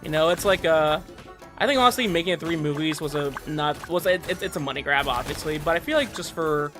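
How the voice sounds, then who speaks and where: With music playing in the background, a man streams gameplay and chats in a voice on the high side, brisk and a bit bright. His casual talk is enthusiastic and rambling, with frequent sentence restarts.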